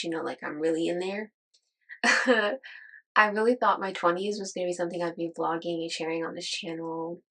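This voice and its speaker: A woman's voice: on the low side, fairly bright tone, rough recording. A woman in her thirties from Las Vegas who chats casually about herself in a get-to-know-me vlog. She laughs often and is amused at her own remarks. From Las Vegas, United States. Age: 30s. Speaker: YouTuber.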